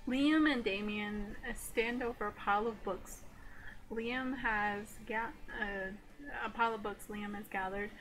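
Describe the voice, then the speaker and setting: Female game streamer: bright, unhurried read-aloud, giggly, casual asides, faint music underneath. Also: mid-range voice, rough recording. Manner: giggly, often laughing while reading. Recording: music behind the voice.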